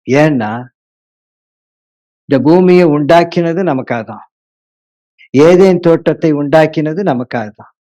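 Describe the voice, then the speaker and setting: A male pastor preaching a sermon, acting out his congregation's complaints in a lively way. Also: fairly high pitch, a little slow, pauses often.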